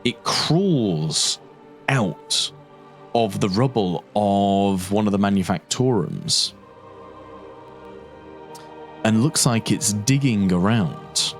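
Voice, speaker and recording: A man acts as game master, narrating a tabletop adventure in a slightly low voice. He sets each scene very slowly and descriptively, pausing to correct himself now and then. Faint music plays behind him. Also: expressive.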